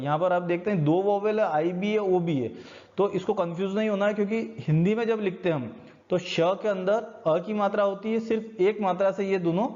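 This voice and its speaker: A male teacher with an Indian accent gives a recorded classroom lecture, patiently walking through each point step by step. His voice sits high for a man. The recording is dull and lo-fi. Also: a little mellow. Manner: patient step-by-step explaining, mixing Hindi and English. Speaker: school teacher.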